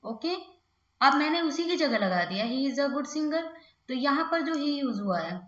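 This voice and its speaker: A woman teaching an English grammar lesson in Hindi, checking in often with "okay" and slowing right down on English examples. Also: sits high, lively intonation, fairly bright tone, reverberant, dull audio. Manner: says 'okay' and 'theek hai' often, slows right down for English examples.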